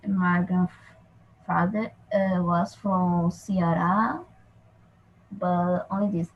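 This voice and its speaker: A woman's voice: fairly low pitch, fairly even intonation, drawn-out words. A woman from Brazil with a Brazilian accent, a native Portuguese speaker searching for English words as she talks in a casual group discussion. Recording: dull lo-fi mic with faint background noise.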